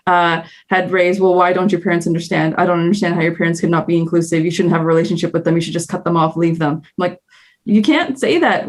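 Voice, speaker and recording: A woman with a Canadian accent and a mid-range voice appears as a panel guest in a candid discussion. She speaks earnestly and reflectively, thinking aloud as she goes.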